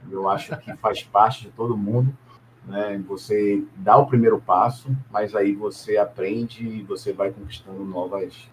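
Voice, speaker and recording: A middle-aged man from Salvador, a businessman telling his story as an interview guest, relaxed and hesitant with frequent tag questions. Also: fairly low pitch, a little hiss or hum. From Salvador, Brazil. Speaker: guest, businessman and property investor.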